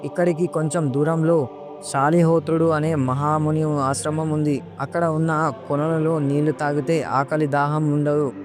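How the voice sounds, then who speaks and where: A man's voice: a little high, darkish tone, close to an everyday voice. A man reading as a pleading young demoness. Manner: earnest, pleading, urgent.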